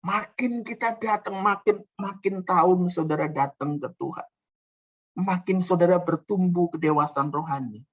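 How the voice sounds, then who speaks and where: A male pastor delivers a sermon with heavy emphasis, leaping from loud high cries to hushed, almost whispered lines. He speaks directly to his listeners, calling them brothers and sisters. The recording sounds a little dull and muffled. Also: normal speed. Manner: emphatic preaching, big swings between loud and hushed; addresses listeners as "saudara".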